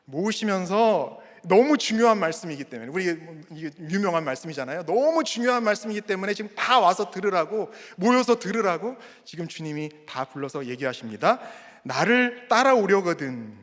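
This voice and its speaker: A man's voice: sits high, lively intonation, a little fast, hardly any pauses. A middle-aged male pastor preaching a sermon, putting rhetorical questions to the congregation. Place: church sanctuary. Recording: long reverb of a church hall.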